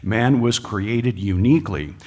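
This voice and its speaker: A man's voice: lowish voice, a little slow, dark tone, long reverb tail. A man giving a public lecture to a live audience, folksy and joking, with frequent filler uhs. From United States. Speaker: speaker at a creationist talk. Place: lecture hall.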